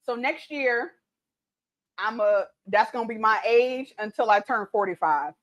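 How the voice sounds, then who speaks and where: Speaking animatedly but a little slowly, a woman in her late thirties runs a casual cooking livestream. She's tipsy from mimosas and has a slightly high-pitched voice and a drawl, talking loosely, laughing often and reading viewer comments aloud.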